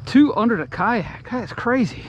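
A man's voice: extremely high pitch, lively intonation, unhurried, muffled recording, a little hiss or hum. A man fishing from a kayak, talking to himself in short exclamations, recorded outdoors on an action camera. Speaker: kayak angler filming himself. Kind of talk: muttered self-talk while fishing.

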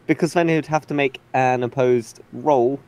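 A man playing a tabletop game, calmly planning his move and reading rules aloud. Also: mid-range voice. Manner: measured, reads rules aloud. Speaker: player. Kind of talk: casual tabletop game play.

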